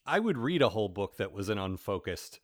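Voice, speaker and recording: A man co-hosting a casual book-discussion podcast, talking in a rambling, halting way and narrating passages aloud. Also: lowish voice, big pitch swings. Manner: rambling, halting, with many restarts. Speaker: podcast co-host.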